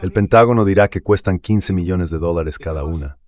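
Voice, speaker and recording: Reading dubbed political and military commentary, a man voices the translation of an interview guest's words. His delivery is fairly quick, low-pitched and a little mellow, with emphatic, explanatory short declarative sentences.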